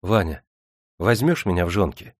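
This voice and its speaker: Young woman cook, meek yet bold, soft plain speech, storybook, read by a man in his own voice. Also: low-pitched, very animated, normal speed, no echo, studio quality.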